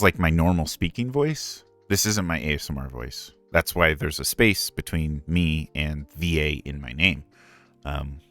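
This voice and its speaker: A man's voice: sits low, a bit bright. A man who streams and voices ASMR, talking candidly and earnestly in a casual live Q&A, rambling with frequent asides.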